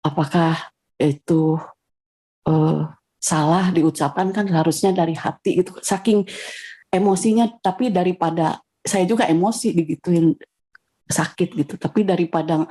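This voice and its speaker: A woman with a low, dark and mellow voice calls in over a video call. She tells her story hesitantly and soft-spoken, pausing on fillers. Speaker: caller asking a question.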